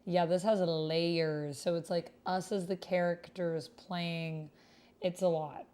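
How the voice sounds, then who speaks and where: A woman streamer plays a text-based roleplaying game, chatting casually and reading her typed roleplay aloud in a gushing, sentimental way. Her voice is on the low side, flat, slow and dark. The recording is clear apart from background noise of computer keyboard typing.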